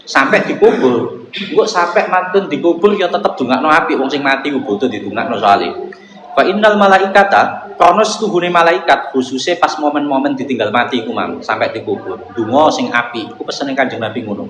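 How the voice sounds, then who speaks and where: Echoey man teaching kitab. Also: mid-range voice. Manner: slow, measured glossing in Javanese, repeating each phrase, then plain explanation. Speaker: Islamic boarding school teacher. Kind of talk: traditional kitab recitation lesson, Arabic text glossed word by word. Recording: echoey hall with background noise.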